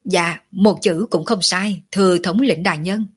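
Dutiful middle-aged clerk read by a woman, deferential, low husky voice. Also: animated, a little fast, full character voice. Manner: respectful, dutiful reporting.

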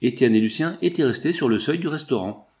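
A man narrating a nineteenth-century novel aloud in a measured, expressive reading. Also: mid-range voice. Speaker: audiobook narrator. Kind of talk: scripted narration.

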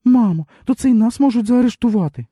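A man's voice: a little high, sing-song, quick pace, dark tone, breathy edge, no echo, clean studio sound, voice pushed up. A man voicing a tearful, bitter young woman. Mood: distraught. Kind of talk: literary audiobook reading.

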